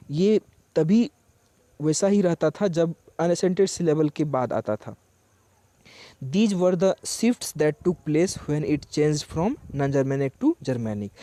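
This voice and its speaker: A man giving a lecture, reading English lines slowly and then explaining each one in Hindi. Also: on the high side, dark tone, dry recording. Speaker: teacher. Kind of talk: lecture explaining text line by line.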